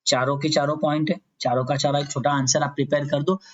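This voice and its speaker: A man teaching exam preparation in a chatty, reassuring way, often checking in with his viewers and reading example questions slowly. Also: fairly high pitch, level tone, fairly bright tone. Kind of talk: casual tutorial explanation. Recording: slightly dull lo-fi audio.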